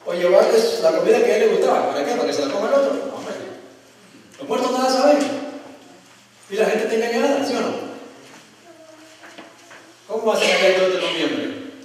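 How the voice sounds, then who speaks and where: A man preaching a storytelling sermon to his congregation, swinging between loud and soft. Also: high-pitched, animated, a little fast, pauses often. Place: church hall. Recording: echoey hall, mic far off, faint noise.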